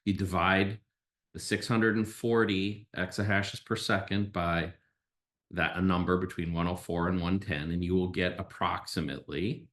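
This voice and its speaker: Podcast host, male, low voice, emphatic opinionated explainer who poses his own questions, recorded in an echoey room. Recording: roomy, echoey sound.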